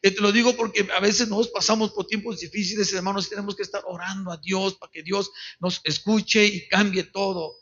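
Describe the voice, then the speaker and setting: A middle-aged Mexican pastor preaches with a high, husky voice, earnestly stumbling over repeated words and often saying amen. His tone is bright and sharp, and the recording is dull and lo-fi. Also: fairly even intonation, brisk, few pauses. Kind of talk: sermon with personal testimony.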